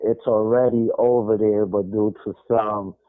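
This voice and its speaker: A man co-hosting a radio show, giving advice in halting casual chat with repeated words. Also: on the low side, steady tone, phone-quality sound.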